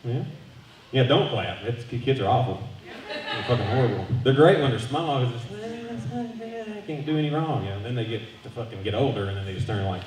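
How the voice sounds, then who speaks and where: Stand-up comic, thirties, animated and crude, recorded echoey from a distance at a bar gig. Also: male voice, medium pitch, a little fast, crowd noise. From Southern US. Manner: loose, profane storytelling with animated voice jumps. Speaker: stand-up comedian. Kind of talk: stand-up comedy set. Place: brewery comedy showcase stage. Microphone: handheld stage microphone. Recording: echoey room from far off.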